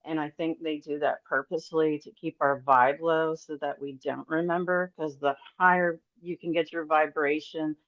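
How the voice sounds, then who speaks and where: Woman guest, deep voice, rambling candid testimony with nervous laughs; muffled lo-fi sound. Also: steady tone, moderate pace, few pauses, fairly bright tone, no echo. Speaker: roundtable guest. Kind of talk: candid personal testimony in a podcast roundtable. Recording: dull lo-fi audio.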